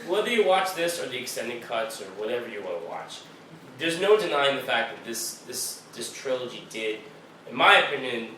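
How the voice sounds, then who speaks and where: A man's voice: medium pitch, fairly bright tone, recorded from a distance, a little hiss or hum. A man co-hosting a casual film chat, emphatic and swearing freely. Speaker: podcast co-host. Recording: echoey room, off-mic.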